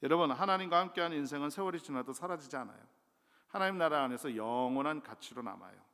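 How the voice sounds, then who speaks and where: Gravelly-voiced preacher in a reverberant church. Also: male voice, a little high, expressive, fast. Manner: conversational, self-deprecating preaching with sudden loud rises. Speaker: guest pastor. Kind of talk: sermon. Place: church sanctuary. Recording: long church hall reverb.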